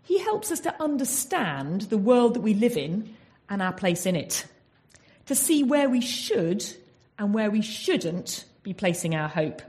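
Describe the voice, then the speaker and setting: An Englishwoman delivers a sermon, teaching from the Bible with real earnestness and often putting rhetorical questions to her listeners. Her mid-range voice has a sing-song lilt, a measured pace and a slightly mellow quality.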